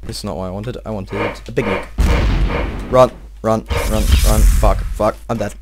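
A young gameplay video host gives excitable let's-play commentary, swearing often and talking to himself as he plays. His lowish voice, at a moderate pace, sounds slightly strained, and there's heavy background noise.

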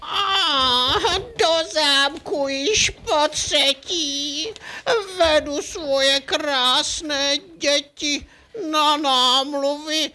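A woman's voice: high-pitched, steady tone, bright, forceful tone. A woman playing a proud, scheming mother in a puppet play, declaiming in sing-song verse. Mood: proud, shrill. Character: proud scheming mother parading her children for marriage.

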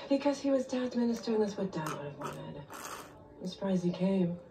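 A woman's voice: medium pitch, very animated, brisk, gravelly, distant mic, background noise. An actress playing a sardonic young woman who makes wry remarks in a TV drama. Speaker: character in a TV drama. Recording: TV audio heard from across a roomy space.

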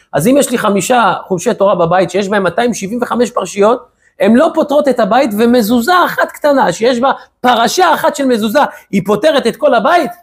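A man, a rabbi, giving a weekly Torah lesson as a lively storyteller who keeps asking his listeners rhetorical questions. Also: sits high, breathy edge.

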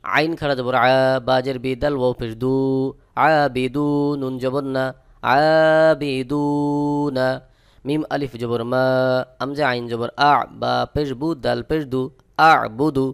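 A man teaching a Quran reading lesson, spelling out each word letter by letter and chanting the verses slowly between plain explanations. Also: medium pitch, level tone, gravelly, smooth. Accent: Bangladeshi Bengali.

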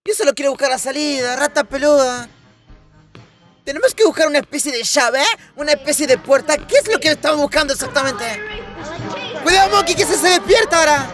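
A man giving casual, excitable commentary while playing a VR game, laughing often and shouting at the game. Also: very high-pitched, fairly quick, soft background music. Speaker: gamer.

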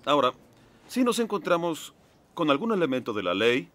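Commanding middle-aged fixer, swooping pitch. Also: male voice, sing-song, normal speed, a bit bright. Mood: stern, sardonic. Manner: authoritative, clipped, dryly sardonic. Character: brisk, commanding middle-aged male underworld fixer in a tuxedo. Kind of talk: dubbed film dialogue in Spanish. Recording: film soundtrack with faint background noise.

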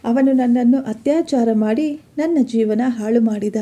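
A woman's voice: on the high side, measured pace, mellow. A woman voicing a betrayed young student, pleading and accusing. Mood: lamenting.

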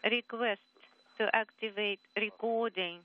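A man's voice: high-pitched, fairly even intonation, measured pace. A man making clipped, brief acknowledgments over a radio transmission, relaying calls between crew and ground. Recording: muffled radio link from far off.

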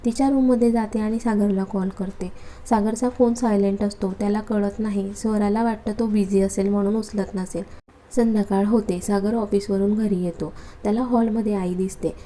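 A woman storyteller reading a romantic serial aloud at a steady, even pace. Her voice is very dark and mellow with a middling pitch. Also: normal speed. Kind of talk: scripted story narration.

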